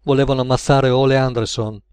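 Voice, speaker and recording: Man as a calm counterman, matter-of-fact, dry close sound. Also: mid-range voice, fast, clean tone, no echo, natural voice. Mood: steady. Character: calm young male diner counterman.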